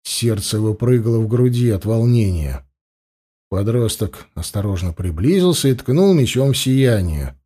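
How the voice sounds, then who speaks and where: A man's voice: fairly low pitch, expressive, moderate pace, warm tone, husky. A man narrating an adventure audiobook expressively, doing voices for the characters.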